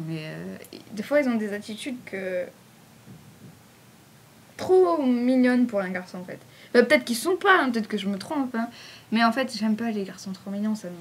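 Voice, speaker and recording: A woman's voice: medium pitch, breathy edge. A woman with a southern French accent answering fan questions in a casual, rambling vlog, full of fillers. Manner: chatty, rambling, frequent fillers.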